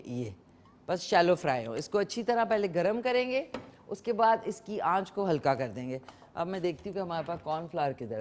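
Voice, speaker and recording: A woman's voice: lowish voice, a little mellow. A woman hosting a live morning TV show, chatting casually as she cooks and talks to viewers and callers. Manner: chatty, code-switching with English words, talks to viewers and callers. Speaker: morning show host cooking on air. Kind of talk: casual live cooking demonstration.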